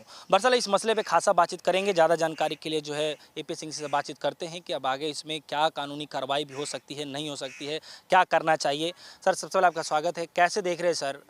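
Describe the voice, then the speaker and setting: A man's voice: a little high, fairly bright tone. A man hosting a news interview, introducing the topic and asking questions in a conversational way with fillers.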